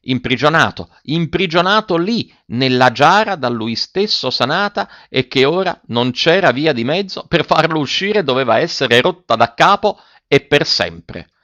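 Man reading a story with lively drama. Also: medium pitch, a little slow, few pauses, no echo. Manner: dramatic, animated delivery. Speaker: narrator.

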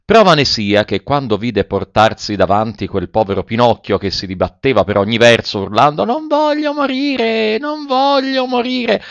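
A man's voice: on the low side, dry recording, highs cut off. Man reading a storybook in a dry voice. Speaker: audiobook reader. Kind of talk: scripted storybook narration.

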